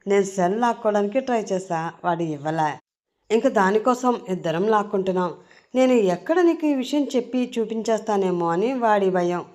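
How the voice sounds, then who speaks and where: A woman's voice: medium pitch, expressive, normal speed, darkish tone, lightly acted. A woman voicing a teasing older brother who laughs and jokes through his lines in an audio story reading.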